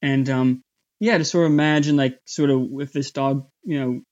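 A man guesting in a casual interview about his voice acting work, talking in a halting way with many fillers and restarts. His voice is somewhat high. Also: fairly even intonation, a little mellow, lo-fi sound. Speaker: voice actor guest.

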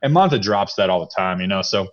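A man's voice: low-pitched, animated, fast talker, highs cut off. A man hosting a casual basketball podcast, telling long rambling stories and laughing as he goes. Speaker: podcast host. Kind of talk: casual sports chat.

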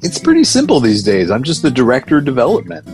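A man's voice: medium pitch, huge pitch swings, fast, faint music behind. A middle-aged American man from Atlanta chatting as an interview guest in an informal, rambling, folksy way. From Atlanta, Georgia, United States. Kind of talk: casual conversational interview.

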